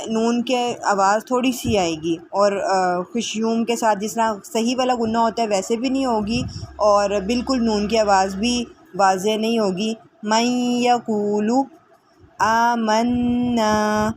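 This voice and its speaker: A woman teaching tajweed, explaining the rules quickly and reciting verses slowly with long drawn-out vowels. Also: mid-range voice. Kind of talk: tajweed lesson.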